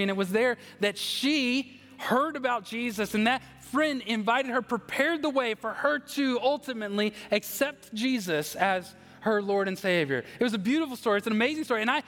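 Pastor guy preaching, kinda high voice, big echoey hall, soft music under it. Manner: earnest, prayerful, builds to encouragement. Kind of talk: sermon with prayer. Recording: long hall reverb, faint music.

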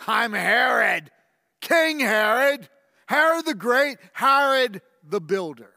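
A man's voice: sits high, fairly bright tone, dry recording, studio quality, long reverb tail. A man as vain, menacing King Herod. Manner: pompous, menacing, with slow drawn-out emphasis. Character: boastful tyrannical ancient king, ruthless and vain. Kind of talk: first-person dramatic monologue.

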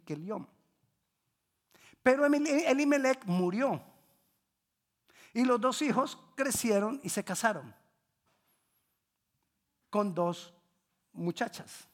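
Bible class teacher, retelling a scripture story, repetitive, emphatic, quizzes the class, self-correcting, mid pitch. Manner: corrects own slips mid-sentence.

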